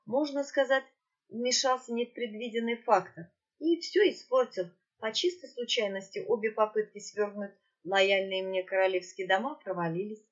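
A woman voicing a fierce, quick-tempered ancient female demiurge in an audiobook. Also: mid-range voice, highs cut off, natural voice. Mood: amused. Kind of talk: audiobook character reading.

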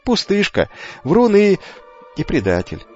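A man voicing a sulky, stubborn young boy twin who grumbles in a high voice. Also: huge pitch swings, measured pace, a little mellow, exaggerated voice. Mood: grumbling. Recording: dull lo-fi with faint music.

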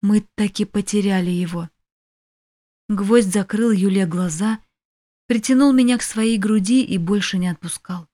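A woman reads a first-person novel aloud as an audiobook narrator. Her storytelling is emotive and her voice sits at a middling pitch. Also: moderate pace, mellow.

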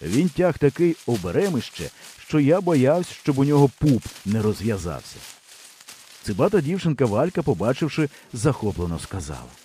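A male audiobook narrator with a warm, mellow voice. His intonation rises and falls widely as he tells the story with expressive humor. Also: medium pitch, moderate pace, slight background noise. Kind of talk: scripted narration.

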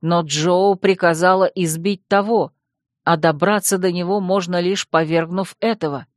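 Audiobook narrator: measured, expressive delivery, mid-range pitch, dry close mic. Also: no echo.

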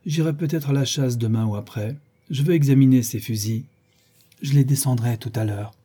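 A grim young marquis gives short, cold orders with bitter irony, as a man reads him aloud. The voice is dark and husky. It is a classic novel read as an audiobook. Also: medium pitch, moderate pace, lightly acted. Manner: curt, bitterly ironic.

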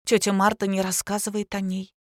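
A woman reader voicing a timid, polite young girl who speaks softly and in a hurry. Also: medium pitch, completely flat delivery, dry recording, studio quality, lightly acted. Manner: soft and hurried.

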